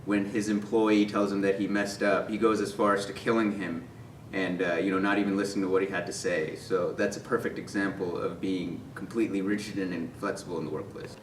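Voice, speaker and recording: Roomy, distant low-voiced man presenting. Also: little pitch movement, a little fast. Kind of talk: explanatory presentation. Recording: roomy distant mic, faint noise.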